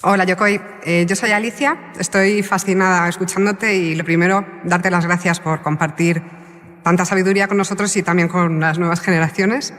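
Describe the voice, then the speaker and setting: A woman's voice: fairly low pitch, fairly even intonation, moderate pace, fairly bright tone. A woman in the audience politely asking the speaker a question, with some hesitant fillers. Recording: long hall reverb.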